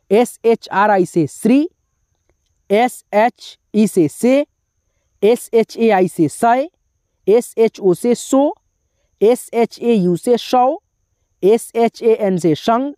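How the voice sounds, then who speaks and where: A woman teaches spelling, walking through syllables letter by letter at an unhurried pace. Her voice is mellow and low in brightness, and between the drills she stops to explain. The recording is dry, with no room sound around her. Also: no echo. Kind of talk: slow spelling lesson.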